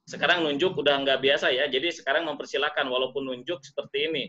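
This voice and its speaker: A man teaching public speaking in an online webinar, demonstrating intonation by deliberately swinging his pitch and pace. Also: steady tone, sharp tone, highs cut off. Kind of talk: webinar lesson.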